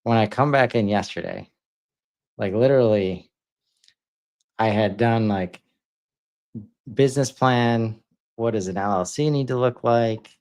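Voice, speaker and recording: A man's voice: lowish voice, unhurried, pauses often, darkish tone. A man co-hosting a podcast, talking casually and hesitantly with many fillers. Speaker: podcast co-host.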